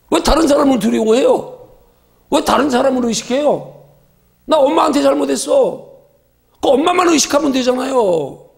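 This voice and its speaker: A middle-aged male pastor leading a Bible study, emphatic and full of rhetorical questions, at times shouting. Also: extremely high pitch, creaky.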